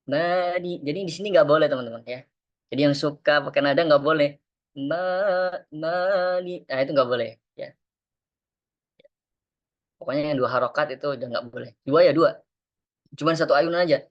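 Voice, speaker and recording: A man teaching Quran recitation in an online class, explaining patiently and chanting verses slowly. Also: a little high, lo-fi sound.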